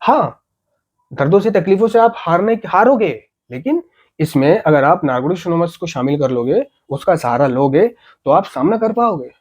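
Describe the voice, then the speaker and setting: A man's voice: fairly high pitch, animated, normal speed, darkish tone, breathy edge. A man giving an earnest, motivational talk about staying off drugs, repeating key points and asking rhetorical questions. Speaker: addiction recovery speaker.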